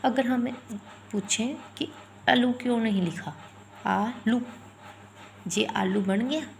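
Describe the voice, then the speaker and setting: A woman teaches vowel signs in a slow, unhurried voice, breaking each word into its sounds and saying it again and again. Faint noise sits under the recording. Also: fairly high pitch, creaky. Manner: spells words out sound by sound and repeats them. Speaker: Hindi teacher. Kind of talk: explaining letters and vowel signs.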